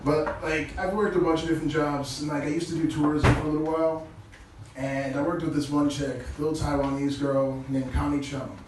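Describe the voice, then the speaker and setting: A man doing a crude, casual stand-up set, chuckling at his own punchlines. His voice sits a little high for a man and comes through low-quality stream audio. He sounds far from the mic in a very echoey club, with plain hiss underneath. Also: flat delivery, brisk. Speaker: stand-up comedian. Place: small comedy club stage.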